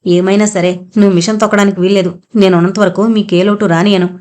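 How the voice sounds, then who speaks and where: A woman's voice: mid-range voice, fairly even intonation, quick pace, a little mellow, lightly acted. Woman doing a young married daughter, earnest, emotional, proud, audio novel.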